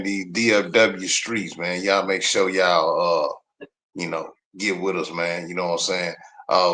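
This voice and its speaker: Laid-back low-voiced man hosting a livestream. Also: fairly bright tone. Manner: loose, repeats "man" and "you know what I'm saying". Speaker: livestream show host. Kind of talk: casual livestream chat.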